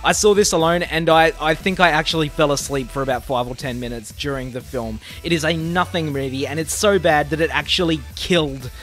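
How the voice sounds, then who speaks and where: Sarcastic Australian guy, higher-pitched voice. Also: fairly quick, hardly any pauses, fairly bright tone, faint music behind. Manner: exasperated, sarcastic, swears often. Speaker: movie reviewer. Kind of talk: casual ranting review.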